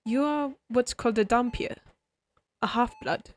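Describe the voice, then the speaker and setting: In a scripted comfort roleplay, a woman plays a refined, oddly friendly vampire doctor, a centuries-old aristocratic healer, addressing the listener directly. Her voice sits a little high and close to her everyday voice. She explains things in a formal, measured, courteous bedside manner.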